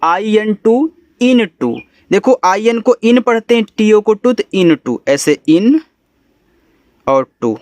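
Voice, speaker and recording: A man's voice: sits high, lively intonation, slow pace, a little mellow, no echo. A man teaching English, spelling out each word letter by letter and explaining its meaning patiently. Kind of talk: spelling out and reading a story word by word.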